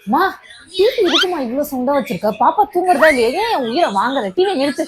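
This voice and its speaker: A woman's voice: high voice, animated, quick pace, a loud crowd. A woman acting out a frazzled new mother who complains and pleads in a comedic family skit. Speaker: comedy sketch performer playing a new mother.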